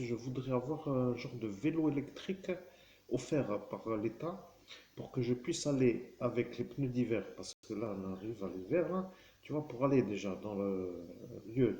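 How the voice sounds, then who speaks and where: A man's voice: mid-range voice, moderate pace, warm tone. A man giving a rambling monologue straight to the viewer, constantly checking in with the listener and wandering off track with fillers and self-corrections. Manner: rambling, keeps addressing the listener with "tu vois". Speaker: vlogger. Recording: roomy echo with faint background noise.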